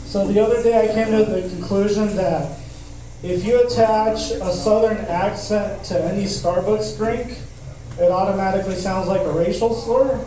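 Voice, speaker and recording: Heard from a distance in a noisy, echoing club, a comedian in his 20s from Tucson, Arizona delivers easygoing, crude stand-up and laughs at his own jokes. His voice sits high, with fairly even intonation and normal speed.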